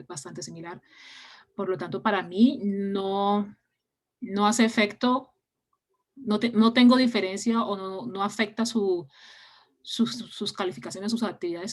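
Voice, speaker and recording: A woman teaching English pronunciation online, explaining patiently in Spanish with English words mixed in. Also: mid-range voice. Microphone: laptop mic on a video call.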